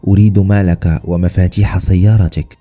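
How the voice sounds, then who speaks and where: A man voicing a cold, boastful male serial killer in a narrated true-crime story, with a flat, menacing delivery. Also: sits low, a little fast, soft background music, close to an everyday voice.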